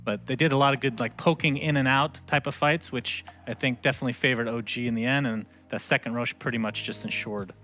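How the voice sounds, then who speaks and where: A man giving relaxed, conversational match analysis on an esports desk. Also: medium pitch, fast, hardly any pauses, faint music behind.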